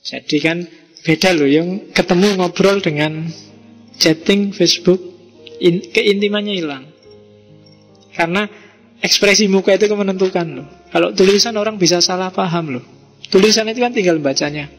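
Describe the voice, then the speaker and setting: A man's voice: high-pitched, moderate pace, long pauses. A man with a Javanese accent giving a casual, teasing philosophy lecture to a live audience, full of rhetorical questions and local slang. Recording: hall reverb with faint music.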